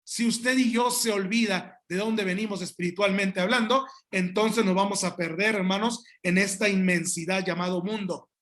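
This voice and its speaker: A man pastor preaching a sermon, emphatic and addressing the congregation directly, with halting restarts and asides. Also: high voice, steady tone, fairly bright tone.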